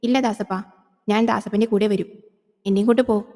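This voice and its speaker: A woman plays a vengeful female yakshi spirit who lures men with slow, coaxing, intimate speech. It is a horror audio drama, and the voice rings with a long hall reverb. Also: mid-range voice, fairly even intonation, darkish tone, lightly acted. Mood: luring.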